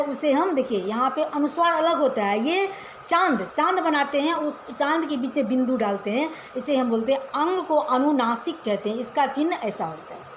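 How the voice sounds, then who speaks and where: High-voiced woman teaching in an echoey room. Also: a little hiss or hum. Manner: chatty, explaining step by step with repeated questions to pupils. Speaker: Hindi teacher. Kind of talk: casual online class for children. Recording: echoey room with faint ambience.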